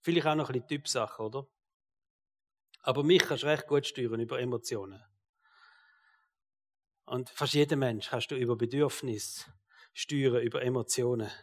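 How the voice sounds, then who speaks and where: A man with a Swiss German accent preaching a sermon, moving from loud rhetorical questions to quiet, low asides. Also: moderate pace, pauses often, in a large hall.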